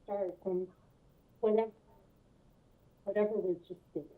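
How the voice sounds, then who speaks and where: A woman's voice: medium pitch, steady tone, a little slow. A woman, a virtual participant at a public hearing, asking hurriedly to have something repeated, heard so muffled she sounds as if she is behind a door. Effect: muffled, as if heard through a door. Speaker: neighborhood association chair. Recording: muffled tinny distant video-call line.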